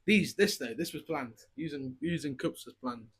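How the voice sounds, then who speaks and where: A young man co-hosting a casual podcast at home, ranting excitably and swearing constantly into a cheap mic. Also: on the high side, normal speed, breathy edge. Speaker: podcast co-host. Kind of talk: casual chat. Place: home room with garden furniture. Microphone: cheap budget mic.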